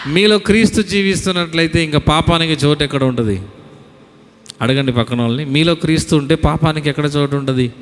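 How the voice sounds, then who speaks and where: A man's voice: a little high, quick pace, a little hiss or hum. A man preaching a sermon to a congregation as their pastor, calling on them to repeat lines aloud. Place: church hall. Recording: long hall reverb.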